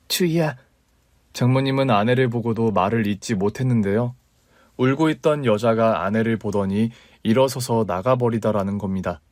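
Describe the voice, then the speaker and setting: A man reading a dramatic listener story aloud in steady scripted narration. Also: lowish voice, no room sound, studio quality. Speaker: story reader.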